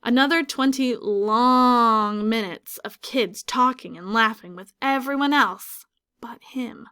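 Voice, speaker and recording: A woman teacher reading a children's picture book aloud, pausing to ask her listeners questions about the story. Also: fairly high pitch, pushed and bright, clean tone.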